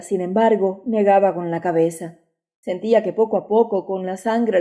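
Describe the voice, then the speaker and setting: Brief: woman audiobook narrator, mellow dark tone, measured literary reading. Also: medium pitch. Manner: measured, even storytelling.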